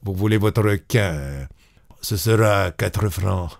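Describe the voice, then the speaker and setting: A man voicing a blunt, gruff rural well-digger who haggles over a price in a read story. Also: low voice, slow, exaggerated voice. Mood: curt. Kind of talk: storybook reading.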